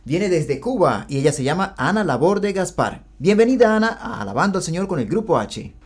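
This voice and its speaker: A radio show host presents segments and interviews a guest on a religious program, offering friendly, affirming interjections. His high-pitched voice swings widely in pitch, moves a little fast, and has a breathy edge.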